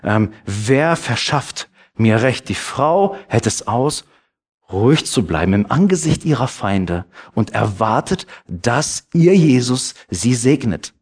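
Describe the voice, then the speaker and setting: Animated German preacher man. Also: takes it slowly, breathy edge. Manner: animated, rises high when quoting scripture; drops low and soft for comfort. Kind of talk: sermon.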